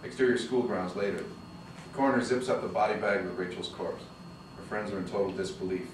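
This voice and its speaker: Heard from a distance in an echoey room with background noise, a man with a lowish voice reads the action lines of a screenplay at a table read. He speaks briskly but keeps a steady, even delivery of the stage directions.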